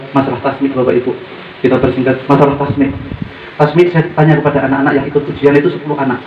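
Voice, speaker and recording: A man's voice: on the high side, a little hiss or hum. A man giving a fervent, repetitive speech to parents from a podium microphone at a school gathering. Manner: fervent, repetitive preaching cadence. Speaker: boarding school leader addressing parents. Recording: roomy, slightly dull audio with faint ambience.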